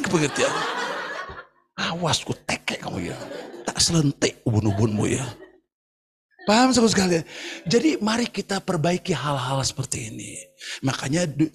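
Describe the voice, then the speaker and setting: A man preaching a sermon to an online congregation in an animated, joking way, often asking the listeners whether they agree. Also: on the high side, slight background noise. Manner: animated and joking, asks the congregation "betul nggak?". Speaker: pastor. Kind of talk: sermon at an online church service.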